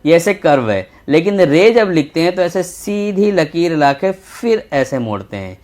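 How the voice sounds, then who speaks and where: A man teaching a children's Urdu lesson, patient and slow, repeating each letter as he writes. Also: a little high, big pitch swings, darkish tone. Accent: Indian Urdu. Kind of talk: textbook lesson for young children.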